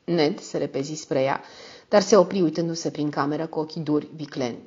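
Narratoare cu voce joasă. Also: female voice, sits low, warm tone, highs cut off. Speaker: audiobook narrator. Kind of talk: scripted audiobook narration.

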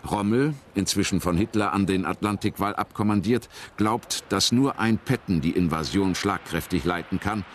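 A man's voice: low-pitched, normal speed, hardly any pauses, a little hiss or hum. A man reading scripted narration for a historical documentary.

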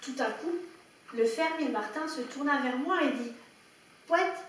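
A woman storyteller reading a children's picture book aloud with lively expression. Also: high-pitched, moderate pace, a little hiss or hum. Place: indoor room at a public story reading. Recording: echoey room, heard from a distance, faint background ambience.

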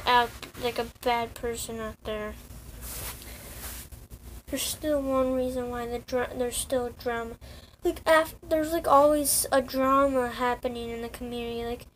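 A young woman with a high voice talks slowly through a casual rant, stopping and restarting often and filling gaps with "like" and "um." A faint hiss of noise sits under her voice. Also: poor audio. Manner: rambling, halting, many fillers and restarts. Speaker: online community vlogger.

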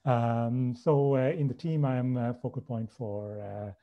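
A man in his forties introducing himself as a panelist on a video call, measured with hesitations. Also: medium pitch, fairly even intonation, highs cut off. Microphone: laptop webcam video call.

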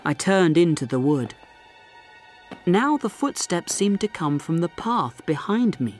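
A man narrating a story slowly and clearly for English learners. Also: a little high, big pitch swings, soft background music. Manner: slow, deliberate, clearly articulated.

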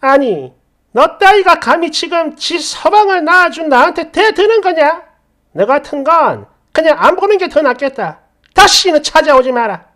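A woman voicing a domineering older mother-in-law who scolds and yells. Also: high voice, sing-song, normal speed, voice pushed up. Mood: contemptuous. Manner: scolding, yelling.

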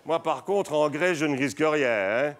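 A man's voice: fairly high pitch, expressive, moderate pace, very noisy. A middle-aged man with a Belgian French accent doing a rambling stand-up monologue, chatting with the audience. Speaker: stand-up comedian. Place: theatre stage before a live audience. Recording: live show with loud audience laughter.

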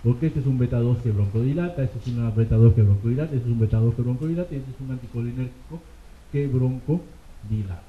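A man lectures medical students at a mid-range pitch, firing off questions and answering them himself, checking in with a quick "ok?". The sound is thin and phone-like, and the room around him rings with echo. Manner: rhetorical questions, frequent "ok?" check-ins. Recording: tinny, echoey classroom recording.

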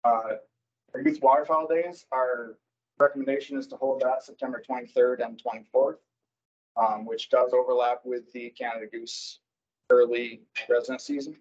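A man presenting wildlife season recommendations at a public board meeting, speaking haltingly with many fillers and self-corrections over a video call. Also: mid-range voice, fairly even intonation, a little mellow. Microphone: computer mic on a video call. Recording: dull lo-fi video call audio.

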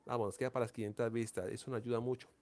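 A man's voice: medium pitch, little pitch movement, racing, dark tone. A man hosting a long casual live stream, talking to viewers in an affectionate, repetitive, coaxing way. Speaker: livestream host. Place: seated indoors.

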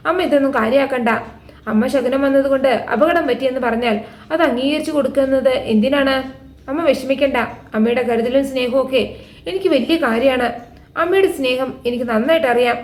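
A woman voicing a young man recovering in hospital who calmly reassures his mother, read out plainly. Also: sits high, brisk, natural voice. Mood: reassuring. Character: young adult son, calm and reassuring. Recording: echoey room.

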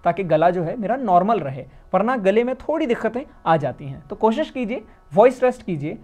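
A man, a music teacher, giving calm spoken advice on voice care to singers, often adding a tag question. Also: high-pitched, fairly quick. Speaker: singing teacher. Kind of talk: spoken music lesson to camera.

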